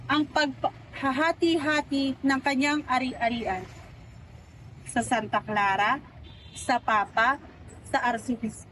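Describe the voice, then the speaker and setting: A woman's voice: high-pitched, fairly bright tone, a little hiss or hum, poor audio. A young woman playing an earnest townswoman in a school drama, speaking in a declamatory way.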